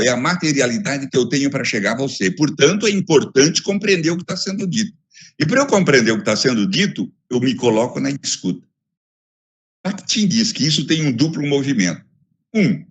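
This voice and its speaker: Brazilian male lecturer, husky mid-pitched voice, emphatic rhetorical delivery, phone call sound. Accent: Brazilian Portuguese. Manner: expressive, emphatic, repetitive rhetorical lists. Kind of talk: academic lecture. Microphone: phone on a video call.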